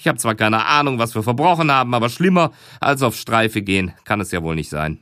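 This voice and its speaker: A man reading an audiobook, voicing a relaxed, teasing male detective partner. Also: medium pitch, brisk, no echo, studio quality. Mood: wry.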